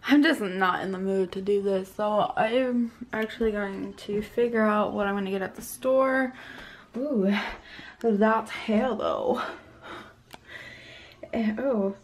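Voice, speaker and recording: A woman's voice: medium pitch, a little mellow. A woman in her twenties talking casually to camera as a stay-at-home mom at home, rambling and tired, often sighing between thoughts. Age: 20s. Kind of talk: casual vlog chat to camera.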